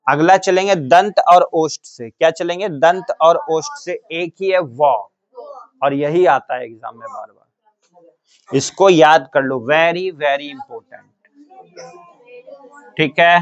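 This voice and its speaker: A man's voice: fairly high pitch, measured pace, highs cut off. A male teacher giving a grammar lesson to a class, drilling the students with the same question again and again and giving the answers himself. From Bihar, India. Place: coaching classroom.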